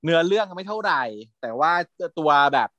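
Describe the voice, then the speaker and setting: An animated, chatty man with a fairly high voice, gushing as he talks through TV series in a relaxed back-and-forth. The sound is dry and close, with no room around it. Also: a little fast, dry recording. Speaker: podcast co-host. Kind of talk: casual chat about TV series.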